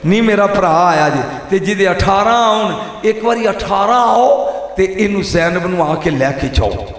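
Punjabi preacher wailing in an echoing hall. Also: male voice, animated, moderate pace, slight background noise. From Pakistani Punjab. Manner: emotional, swings from hushed storytelling to high wailing shouts, calls out to listeners. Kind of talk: impassioned religious sermon. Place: large gathering before a crowd. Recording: booming echo of a big hall.

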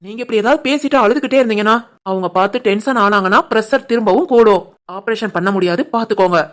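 A reassuring cartoon doctor who explains things steadily, voiced by a woman. The delivery is quick and patient, with a mid-range voice and a Tirunelveli Tamil accent. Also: mid-range voice, close to an everyday voice. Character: calm reassuring male hospital doctor.

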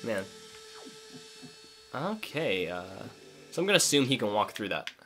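A man's voice: on the low side, very animated, measured pace, sharp tone, soft background music. A man co-hosting a let's play, chatting casually and jokily while he plays, rambling with lots of "like"s. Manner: jokey, chatty, rambling with many "like"s. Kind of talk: casual gameplay chat.

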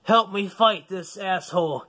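A man doing a hot-headed, swearing Vegeta for a homemade action-figure video shot in a basement. The voice sits a little high and sounds bright and sharp, and the delivery rambles with stammered restarts. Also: measured pace, exaggerated voice. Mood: grumpy. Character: Vegeta, proud hot-tempered male alien warrior. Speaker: toy-figure fan video voice actor. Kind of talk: casual improvised toy-figure play.

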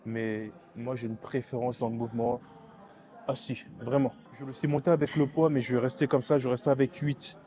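A young man filming a workout vlog in a gym, talking to the camera in quick, clipped bursts and stumbling over repeated words as he stutters. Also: medium pitch, level tone, dark tone, faint music behind. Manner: counts reps aloud while lifting, strained and breathy. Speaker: fitness vlogger. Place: gym, indoors.

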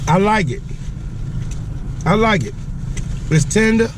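A man's voice: sits high, lively intonation, takes it slowly. A laid-back man, co-hosting a casual food review and talking with his mouth full. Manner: laid-back, talks while chewing. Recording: clear street and traffic noise.

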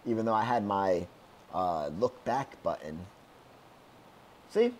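A young man giving casual commentary on his own gameplay at home, excitable and yelling whenever things go wrong. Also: fairly low pitch, slow pace, a little hiss or hum. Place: at home, outside his room.

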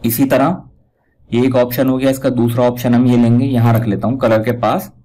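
A man giving a casual step-by-step software tutorial, pointing out each step as he goes. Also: medium pitch, flat delivery, normal speed, poor audio. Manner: talks step by step, repeats "dekhiye" while pointing things out. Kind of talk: casual screen-recorded tutorial.

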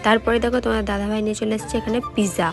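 A woman's voice: medium pitch, level tone, very fast, gravelly. A young woman, narrating a vlog voice-over in a chatty way. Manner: chatty, talks viewers through the day. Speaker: vlogger. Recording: voice-over with music behind.

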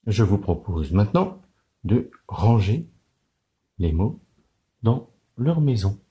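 A man teaching young children to count syllables, with a low, mellow voice. His delivery is very slow and deliberate, and his pitch swoops high and low in a sing-song way. Each word is spelled out gently and clearly. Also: big pitch swings, lo-fi sound.

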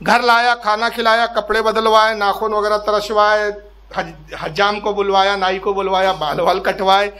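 High, bright-voiced male preacher. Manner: animated storyteller, breaks into drawn-out poetic recitation. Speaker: Islamic religious orator. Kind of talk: Urdu storytelling sermon with recited verse. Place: public gathering at a house venue.

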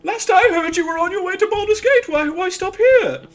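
A game master voicing a showy, theatrical rabbit-folk shopkeeper with shrill exclamations and stretched words. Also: brisk, soft background music. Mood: chatty.

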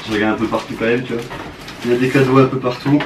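A man's voice: mid-range voice, very fast, noisy background. Chatty young French man unboxing. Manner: chatty, excited, talks to viewers. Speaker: YouTuber. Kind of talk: casual unboxing commentary.

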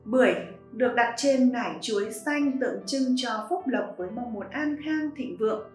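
Higher-voiced woman narrating, roomy echo. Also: moderate pace, darkish tone. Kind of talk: scripted narration. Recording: roomy echo with faint music.

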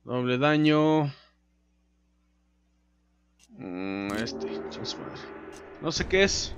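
Excitable, swearing Mexican gamer. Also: male voice, mid-range voice, extremely slow, dull audio, noisy background. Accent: Mexican Spanish. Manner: excitable, swears a lot, yells during fights. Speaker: gaming video host. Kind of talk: live gameplay commentary. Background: game music.

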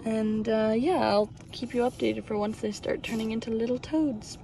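A young woman vlogging outdoors about snakes and toads, talking to a phone at arm's length with excited, amazed, chatty energy. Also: a little high, moderate pace, vocal fry, a little hiss or hum, rough recording. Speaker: herping vlogger. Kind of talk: casual outdoor nature vlog. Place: outdoors in open desert.

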